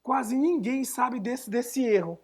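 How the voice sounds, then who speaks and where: A man's voice: extremely high pitch, slow, a little mellow, slightly rough. Chatty male writing teacher. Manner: chatty, answering viewers' chat questions. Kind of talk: live online class.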